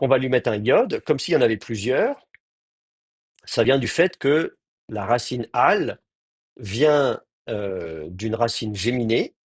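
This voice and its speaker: Husky French teacher, lively pitch. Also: male voice, no echo, studio quality. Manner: explanatory, hesitant with many fillers. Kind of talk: online class lecture.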